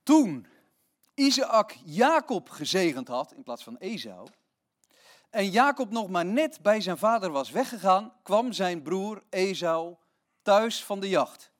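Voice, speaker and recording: A man preaching a sermon, telling a Bible story in an expressive, emphatic way. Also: high-pitched, slow.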